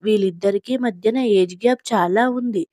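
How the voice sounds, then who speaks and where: Mellow-voiced woman storyteller. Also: mid-range voice, no room sound, clean studio sound. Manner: steady, measured reading. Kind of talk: scripted story narration.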